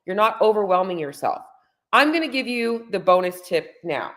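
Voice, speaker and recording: A woman in her forties coaching diet and fitness on a livestream, blunt and emphatic, with an over-caffeinated high energy. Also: big pitch swings, moderate pace, a bit bright. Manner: blunt, salty-tongued. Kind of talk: casual motivational livestream talk to viewers. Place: room at home.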